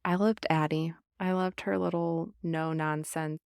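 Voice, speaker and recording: A woman's voice: sits low, fairly even intonation, a little slow, a little mellow, clean tone, no echo, clean studio sound. A young woman with a Southern American accent talking earnestly and reflectively about a book, with many fillers. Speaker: book club podcast host. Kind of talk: casual book discussion.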